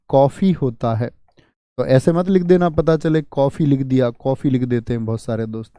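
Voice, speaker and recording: A man's voice: medium pitch, warm tone, no room sound, clean studio sound. A man teaching an online exam-prep lesson, often asking questions and then repeating the answers himself.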